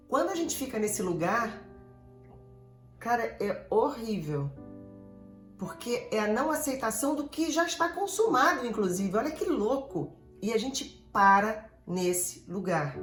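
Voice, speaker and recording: A Brazilian woman therapist giving an animated, digressive motivational talk, speaking straight to her listeners. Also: on the high side, echoey room. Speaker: emotional therapist.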